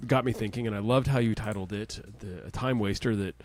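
A man in his forties hosting a podcast, chatting casually with a guest and often pausing with "uh" and restarting sentences. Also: on the low side, a little mellow, faint music behind. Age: 40s. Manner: friendly, frequent "uh" hesitations and restarts. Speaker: podcast host. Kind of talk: casual interview chat.

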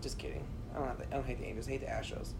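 Young male co-host, mid-pitch, loose rambling delivery with plenty of profanity. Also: flat delivery, racing, creaky, darkish tone. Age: 20s. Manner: loose, rambling, swears a lot. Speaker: podcast co-host. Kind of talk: casual chat.

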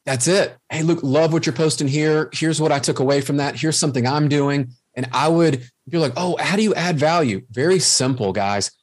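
A man's voice: fairly high pitch, normal speed, hardly any pauses. Male podcast guest, assured coaching tone, casual, acts out little quotes. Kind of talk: casual interview chat.

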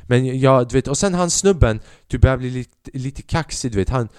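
Profane, animated young man telling stories. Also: mid-range voice, clean tone, dry recording, clean studio sound. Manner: profane, animated, acts out other people's voices. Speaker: podcast host and stand-up comedian. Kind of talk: solo comedic storytelling.

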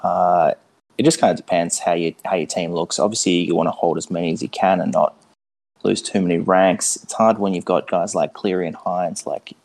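A man's voice: sits low, steady tone, a little fast, vocal fry, a little mellow. A man co-hosting a podcast in casual, laid-back, matey sports chat. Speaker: podcast co-host.

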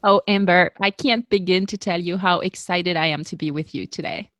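A French woman in her forties with a French accent appears as a podcast guest in casual interview chat, earnest and self-deprecating, with plenty of ums and you knows. Her voice is on the low side with a fairly bright tone, at a moderate pace, in a dry, studio-quality recording.

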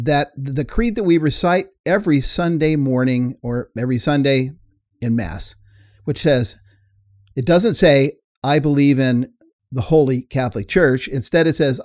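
A man's voice: medium pitch, darkish tone, dry recording, studio quality. A middle-aged man co-hosting a talk show, explaining things earnestly and laughing easily. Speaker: co-host and teacher. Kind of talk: explanatory discussion.

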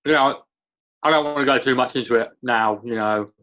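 A man chatting casually in a hesitant, halting way. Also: mid-range voice, a bit bright, muffled recording. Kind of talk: casual chat.

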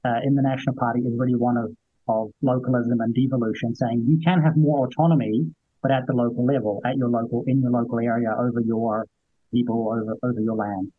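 A man giving conversational political commentary as a guest, in a hesitant way that often repeats phrases, with a husky voice. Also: medium pitch, steady tone, fast talker, dry recording. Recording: dull, lo-fi remote audio.

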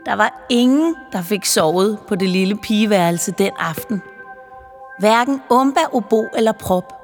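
A woman narrating a children's Christmas story in a lively, playful storytelling manner. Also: mid-range voice. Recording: reverberant with faint music.

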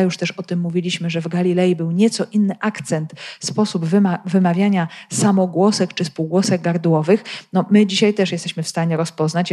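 A woman's voice: fairly low pitch, darkish tone. A woman giving a spoken Bible commentary, explaining the text and asking many rhetorical questions while addressing her listeners directly. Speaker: Bible teacher.

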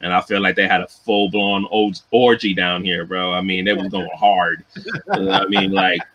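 A man co-hosting a podcast, telling a story in a relaxed way, full of "you know" and "um". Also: deep voice, moderate pace, dull audio. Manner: laughs often and loudly. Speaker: podcast co-host. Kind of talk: casual chat.

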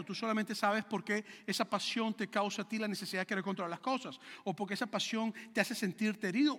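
A male pastor preaching a sermon in a church, his high, bright voice trailing a long reverb. He speaks conversationally, acts out dialogue from his own stories, and fires off rhetorical questions at the congregation.

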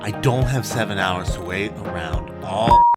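A man's voice: lowish voice, a little slow, loud music behind the voice, natural voice. A man playing an incredulous caller losing patience with an automated phone line. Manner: exasperated, incredulous. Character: frustrated caller stuck on hold, man.

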